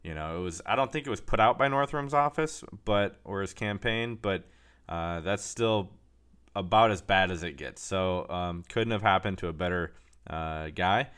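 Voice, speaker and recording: Man, lowish pitch, casual monologue, sarcastic, mocking, halting, lots of fillers. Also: fairly bright tone, smooth. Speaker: political commentator.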